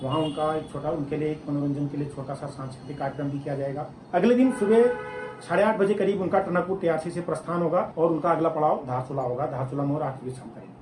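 A man, a district tourism official, briefs a reporter in a halting way and repeats himself while he explains. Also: fairly high pitch, steady tone, darkish tone. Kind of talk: informal statement to reporter. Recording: roomy field recording with background noise.

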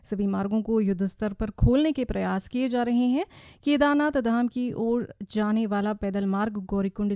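A woman reading a regional radio news bulletin in a steady, measured, formal manner. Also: medium pitch, no room sound. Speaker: news reader. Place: radio studio.

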